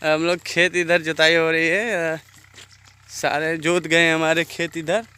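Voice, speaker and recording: A man's voice: fairly high pitch, little pitch movement, takes it slowly, sharp tone, slight background noise. A man vlogging outdoors beside farm fields, coaxing a little girl along and dropping simple English phrases into his talk. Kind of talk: casual outdoor vlog.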